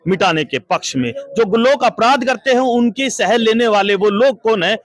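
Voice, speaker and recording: A man's voice: sits high, lively intonation, moderate pace, no echo. A man reporting from a crowded street as a local news reporter, making urgent, dramatic appeals to viewers.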